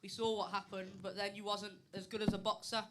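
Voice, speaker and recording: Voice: mid-range voice, little pitch movement, fairly quick, a bit bright. A host putting questions to boxers at a live press conference, with noise behind the voice. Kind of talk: live event hosting, interview questions. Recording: clear background noise at live event.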